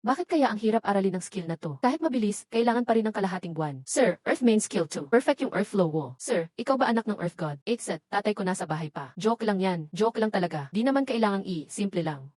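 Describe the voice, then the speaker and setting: A woman's voice: medium pitch, animated, fast, few pauses, a little mellow, no room sound. A woman reading all the roles of a dubbed short drama in one voice.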